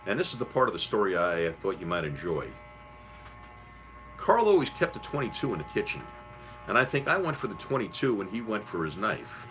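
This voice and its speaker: A man's voice: on the low side, sing-song, a little fast, fairly bright tone, soft background music, poor audio. A middle-aged man from New City, telling stories casually in a folksy, reminiscing way. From Queens, New York City. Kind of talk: casual storytelling.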